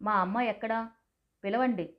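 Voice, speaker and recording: A grown son boils over with rage, his speech loud, harsh and full of scorn, as a woman storyteller puts him on. The sound is a touch dull and lo-fi. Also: medium pitch, normal speed, natural voice. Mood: furious, scornful. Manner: shouting, accusing.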